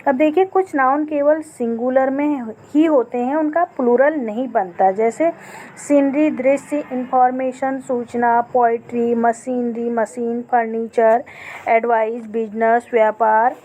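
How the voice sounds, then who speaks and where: A woman teacher explaining grammar in a recorded lesson, often checking in with "okay" and reading example sentences slowly. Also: a little high, steady tone, mellow. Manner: checks in with frequent "okay" and "theek hai".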